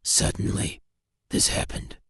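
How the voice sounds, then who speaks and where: A man's voice: a little slow, fairly bright tone, no room sound. A man giving scripted, suspenseful narration over paranormal video clips. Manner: dramatic, suspenseful storytelling.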